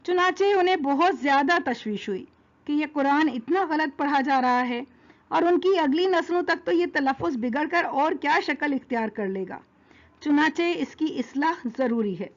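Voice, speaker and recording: High-voiced woman giving a religious lesson. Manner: steady explanatory delivery with numbered points. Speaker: religious lecturer. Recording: dull lo-fi recording.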